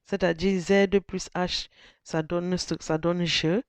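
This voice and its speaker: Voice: mid-range voice, level tone, slow pace, smooth, no room sound. A presenter talking through a phone tutorial step by step, thinking aloud with many restarts and sounding out vowel tones.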